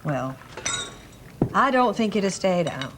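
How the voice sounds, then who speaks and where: A woman's voice: mid-range voice, very animated, takes it slowly. An actress playing an anxious, insistent middle-aged woman, heard from a worn VHS tape copy with faint hiss and clicks. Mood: worried. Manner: worried, insistent.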